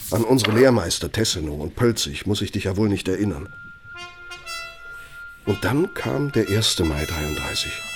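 In the style of a radio play, a male actor with a low voice plays a self-important, ageing German architect. He dictates pompously, deliberately and rhetorically.

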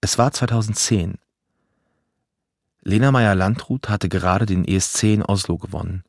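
A man in his thirties from Germany narrating a personal story in a measured, vivid, dramatic way. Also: on the low side, gravelly, dry recording, studio quality.

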